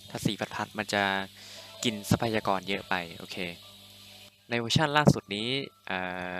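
A young man talks through a coding tutorial in a loose, chatty way, full of fillers and little corrections. His voice sits low but comes across bright and forceful. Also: unhurried, creaky, faint music behind. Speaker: programming tutorial host. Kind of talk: casual screen-recorded coding tutorial.

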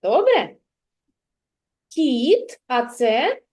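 Kindergarten teacher, woman, Ukrainian accent, high and slow, patient lesson delivery. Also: very animated, darkish tone. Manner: drawn-out, sing-song word modelling for a child.

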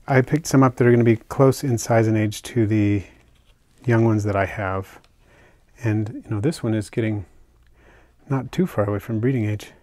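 An older man casually narrating a hobby vlog as he unpacks and shows his isopod purchases, talking in a relaxed, chatty way with fillers and soft asides. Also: medium pitch. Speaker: isopod keeper unboxing purchases. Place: indoors at a table, hands on camera.

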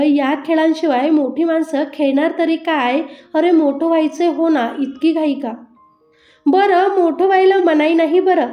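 A woman with a Marathi accent, a mother tenderly reciting a poem she wrote for her young child, saying each line twice. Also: sits high. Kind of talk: recited poetry. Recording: roomy lo-fi recording over soft music.

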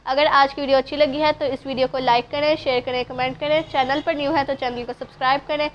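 High-voiced woman calmly explaining a recipe. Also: quick pace, a little hiss or hum. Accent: Urdu-speaking Pakistani. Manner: calm, instructive, addresses viewers directly. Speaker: cooking channel host. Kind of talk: step-by-step recipe narration. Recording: dull lo-fi sound, faint room ambience.

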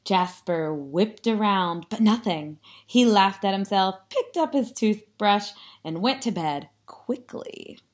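A woman reading a picture book aloud, telling it dramatically with hushed, spooky drops. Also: mid-range voice, expressive, takes it slowly, few pauses. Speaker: story reader.

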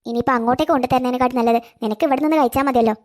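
Woman putting on a caring auntie neighbor, lower than her kid voice but still highish, quick talker. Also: fairly even intonation, natural voice. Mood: kindly. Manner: warm coaxing, calls the girl dear. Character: kindly middle-aged neighbor woman, motherly and caring. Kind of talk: cartoon voice acting.

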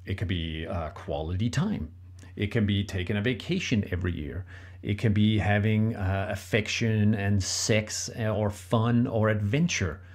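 A middle-aged Danish man, Danish being his first language and his accent showing it, co-hosts a relationship podcast as a relationship coach. He gives solo advice, speaking earnestly and directly to listeners in a lowish, slightly mellow voice at a measured pace.

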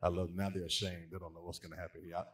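A male pastor with a low, level voice speaks in a rapid-fire rush as he hosts a church brunch presentation. Warm and encouraging, he calls families up to share their gifts of love.

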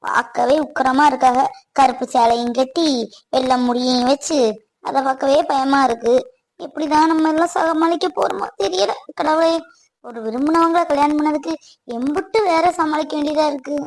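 An anxious young wife in a cartoon, voiced by a woman, fretting and thinking aloud. She speaks low and slow, full of worry. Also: steady tone, vocal fry, low-quality recording. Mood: worried. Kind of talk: cartoon voice acting.

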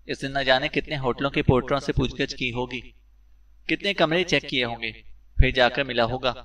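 A man voicing a shrewd male secret service chief who speaks briskly and gives orders. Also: medium pitch, fairly bright tone, distant mic, natural voice, low-quality recording. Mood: thoughtful. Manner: brisk and commanding.

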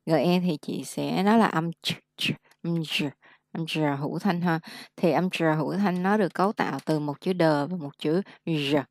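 A young woman tutoring English pronunciation one-on-one, correcting patiently and modelling words slowly. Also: low voice, dry recording.

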